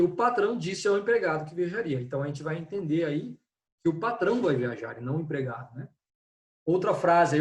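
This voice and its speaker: A man teaching an online Portuguese class who explains step by step and often checks in with his students. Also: on the high side. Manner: explanatory, repeats "né?" and "pessoal". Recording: echoey room, distant from mic.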